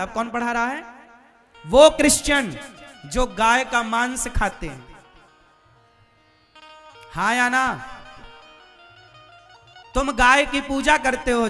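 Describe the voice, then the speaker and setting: A man's voice: very high-pitched, pushed and bright. A man preaching to a live audience, asking rhetorical questions and quizzing the crowd. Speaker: religious preacher.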